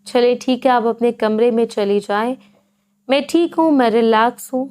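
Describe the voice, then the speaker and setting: A woman's voice: a little high, darkish tone, smooth, close to an everyday voice. Woman reading as a heartbroken young man. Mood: subdued.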